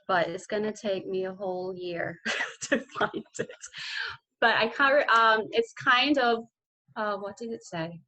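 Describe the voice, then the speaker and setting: A woman's voice: medium pitch, a little slow, pushed and bright, a little hiss or hum. A woman with an Australian accent, a guest speaker answering questions in a casual video call, chatty and laughing often at herself.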